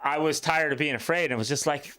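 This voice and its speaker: A man's voice: a little high, brisk, pushed and bright, clear, resonant tone. A man giving casual, rambling commentary as the host of a music reaction video, talking in an informal, slangy storytelling way.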